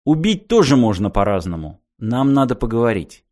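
A man reading the lines of a tall, grey-skinned alien who speaks slowly and solemnly. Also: mid-range voice, sing-song, warm tone, natural voice.

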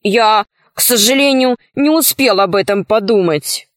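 A woman doing a slow, sheepish storybook dragon. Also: medium pitch, dry recording, studio quality, close to an everyday voice. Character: big sheepish male dragon, good-natured. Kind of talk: storybook reading.

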